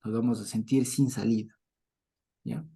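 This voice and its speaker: A middle-aged man giving an informal Bible teaching, conversational and chuckling often, who checks in with his listeners and swings between loud mock preaching and soft murmurs. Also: fairly low pitch, steady tone, normal speed, breathy edge.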